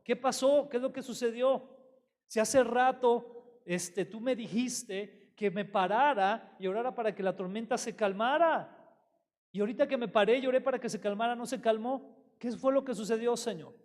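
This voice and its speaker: A frightened man prays for help in a high, pleading voice, as a preacher acts him out. A long church reverb hangs behind him. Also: moderate pace. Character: frightened man praying in a storm.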